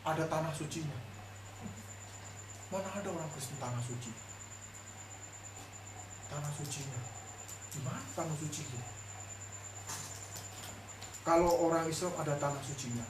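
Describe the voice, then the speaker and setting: A man's voice: fairly high pitch, moderate pace, long pauses. A male pastor giving a casual, chatty sermon, telling stories with laughing asides. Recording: echoey room, distant mic, faint noise.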